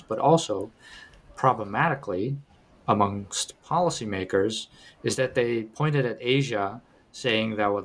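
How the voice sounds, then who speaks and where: A middle-aged Dutch man with a Dutch accent, speaking as a researcher and book editor in an academic interview, hesitant with many fillers and restarts. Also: on the low side. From Netherlands.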